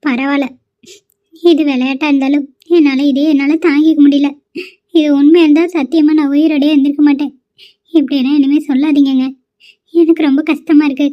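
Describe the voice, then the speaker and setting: A woman's voice: high voice, little pitch movement, fairly quick, lightly acted. A woman voicing a remorseful, devoted young wife in a cartoon. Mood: earnest. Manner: pleading, emotional. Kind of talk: cartoon voice acting. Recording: dull lo-fi sound.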